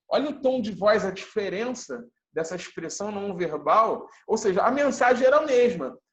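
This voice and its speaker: A man's voice: high-pitched, vocal fry, lo-fi sound. A man gives a casual video lecture, explaining step by step and often checking in with his audience. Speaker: teacher.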